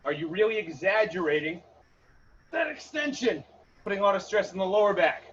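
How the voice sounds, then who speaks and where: A man with a high voice leads a workout as a coach, calling out moves and punch combos in short, clipped cues. He is some way from the microphone in a gym. The sound is dull, with background noise. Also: expressive, a little fast, fairly bright tone. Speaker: fitness coach leading a home HIIT workout. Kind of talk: live exercise instruction with short cues and counts. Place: indoor garage-style gym. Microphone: camera several metres away. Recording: distant mic, muffled, noisy gym.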